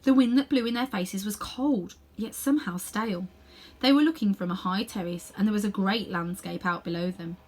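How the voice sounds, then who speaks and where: A woman reads a children's story aloud in an expressive storytelling style, her mid-range voice at a moderate pace.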